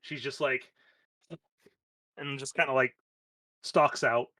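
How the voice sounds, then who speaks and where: A man narrating a tabletop game as its game master, talking loosely and casually with plenty of fillers. His voice sits at a middle pitch and is recorded dry and close. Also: fairly even intonation, slow, bright, forceful tone, no room sound.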